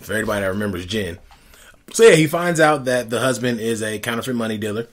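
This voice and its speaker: A man co-hosting a casual movie recap chat, joking and breaking into fast, excited rants. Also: on the low side. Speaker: co-host of a movie recap show.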